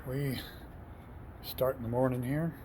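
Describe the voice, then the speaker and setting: A man in his sixties speaks at a slow, unhurried pace in a casual, plain-spoken vlog style, encouraging his viewers. Ambient vehicle noise is clearly heard behind him. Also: mid-range voice, fairly even intonation, warm tone. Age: 60s. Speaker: fitness challenge vlogger. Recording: noisy recording with vehicle ambience.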